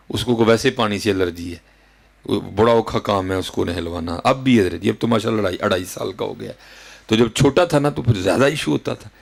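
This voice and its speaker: A man in his thirties with a Punjabi accent, preaching a sermon with fervent rhetorical questions, sudden leaps in pitch and frequent address to his listeners. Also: vocal fry. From Pakistan. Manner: keeps addressing listeners as "hazrat ji". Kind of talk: Urdu sermon.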